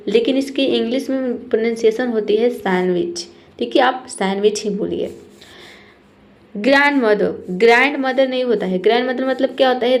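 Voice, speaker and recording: Patient Indian woman teaching pronunciation. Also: a little high. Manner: patient, repeats each word and keeps checking in. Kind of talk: explaining word meanings in Hindi.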